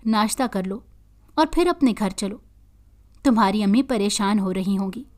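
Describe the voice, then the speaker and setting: A woman's voice: mid-range voice, animated, moderate pace, darkish tone, close to an everyday voice. A woman voicing a loyal young male friend who reassures the hero, in a read-aloud story. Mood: concerned.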